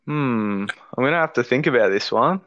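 A man's voice: medium pitch, animated, normal speed, fairly bright tone, dry recording, muffled recording. An Australian man chatting casually as a podcast guest and sports fan, hesitant and thinking aloud.

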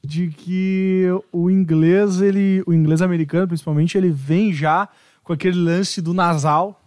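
A man's voice: sits high, fairly even intonation, measured pace, darkish tone, no echo, studio quality. A man chatting casually on a podcast, with loose talk full of fillers.

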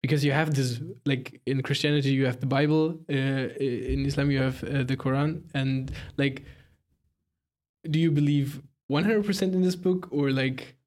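A man's voice: medium pitch, steady tone, moderate pace, darkish tone. Hesitant male podcast host. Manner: hesitant, many fillers and restarts. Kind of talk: casual interview.

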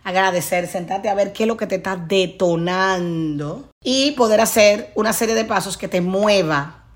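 A woman with a Dominican accent, a podcast guest giving animated, preachy advice straight to listeners. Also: mid-range voice, moderate pace. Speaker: guest speaker on leadership and wellbeing. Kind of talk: podcast conversation.

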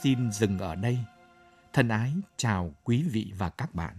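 A man presenting scripted literary commentary on the radio in a measured, formal manner. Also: on the low side, darkish tone, slightly rough, soft background music. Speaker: radio literary show host.

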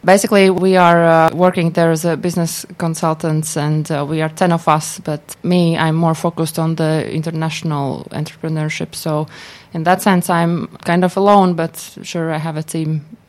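Lower-voiced woman with a Latvian accent. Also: flat delivery, normal speed, hardly any pauses. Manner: hesitant, often repeats words. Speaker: interview guest, business consultant for entrepreneurs. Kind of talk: spontaneous interview answers.

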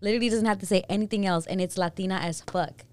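A woman's voice: medium pitch, fast talker. Casual woman podcast host. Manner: relaxed, swearing, laughing often. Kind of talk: casual chat.

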